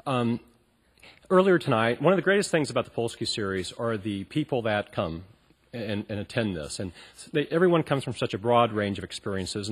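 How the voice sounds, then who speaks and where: On a college auditorium stage, an event moderator runs a public panel and introduces a speaker, talking loosely with lots of ums and restarts. He has a husky, mid-range voice.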